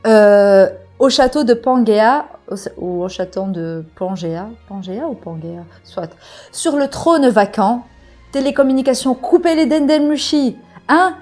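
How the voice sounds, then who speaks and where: A woman reading through a comic and reacting out loud, excitable and swearing often, with many fillers. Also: a little high, unhurried, faint music behind. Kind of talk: casual live reaction reading.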